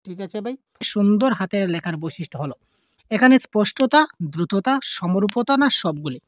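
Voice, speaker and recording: A woman with a medium-pitched, animated voice teaches an online exam-prep lesson, reading multiple-choice questions aloud. She drawls the options slowly, then answers them quickly herself, posing questions and sprinkling in English terms.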